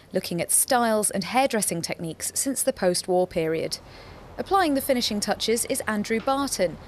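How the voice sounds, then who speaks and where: A female news reporter narrating a scripted regional television report in a measured, even way. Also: mid-range voice, a little hiss or hum.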